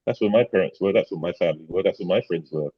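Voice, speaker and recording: A man's voice: low voice, very fast, slightly rough. A middle-aged man, a podcast guest chatting casually, rambling with many restarts and tag questions. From England. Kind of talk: casual chat. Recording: dull lo-fi sound.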